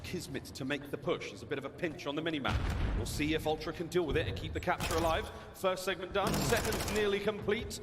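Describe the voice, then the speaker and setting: A man works as an esports caster, calling live play with theatrical drama. His voice sits fairly high and rings through a large hall with noise behind it. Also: fast. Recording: reverberant hall, noisy background.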